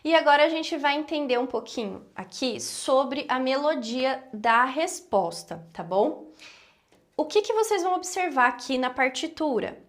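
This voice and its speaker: A woman with a Brazilian Portuguese accent teaching a singing lesson, explaining patiently and checking in with her students often. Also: sits high.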